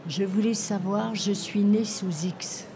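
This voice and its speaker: A woman in the audience asking a slow, hesitant question, heard off-mic from a distance. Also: medium pitch, fairly even intonation. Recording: distant off-mic voice with background noise.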